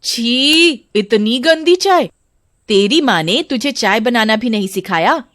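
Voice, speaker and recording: A woman's voice: on the high side, lively intonation, moderate pace, dry recording, studio quality. Woman doing a greedy scolding mother-in-law. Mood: scornful. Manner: scolding, sharp-tongued. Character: greedy harsh middle-aged mother-in-law.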